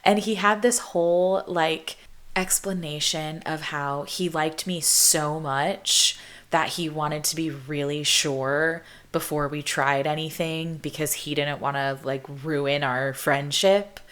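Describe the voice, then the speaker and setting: Low-voiced young woman, rambling storyteller. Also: steady tone, takes it slowly, fairly bright tone. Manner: rambling, self-interrupting, laughs between thoughts; heavy use of "like" and "um". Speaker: podcast host. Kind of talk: casual storytelling monologue.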